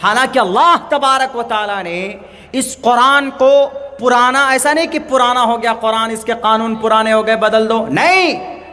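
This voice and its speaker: A man from India gives a religious talk in a high voice that rings out through a reverberant hall. He tells his stories by acting out the dialogue, and he slows right down for carefully spaced English phrases. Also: bright, forceful tone. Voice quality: slow, deliberate English phrases. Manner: storytelling with acted dialogue. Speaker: Islamic preacher. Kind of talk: public religious speech.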